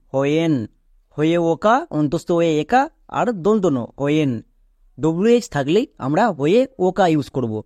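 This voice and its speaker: A man's voice: a little high, a little mellow, no echo, clean studio sound. A man teaching English pronunciation, patiently repeating rules, spelling words out letter by letter, and checking that students follow. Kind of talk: explanatory lesson.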